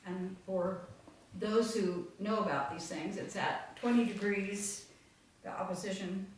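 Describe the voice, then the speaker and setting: Her medium-pitched voice is steady in tone and a little slow as this woman leads a full moon meditation group, speaking reflectively to a live audience and meandering with frequent fillers. The meeting room is echoey, she's distant from the mic, and there's slight background noise.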